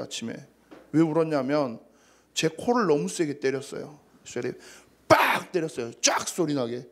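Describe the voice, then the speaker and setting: A man in his thirties, a youth pastor, giving a casual, story-filled sermon to teenagers. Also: a little high. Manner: casual storytelling with acted quotes.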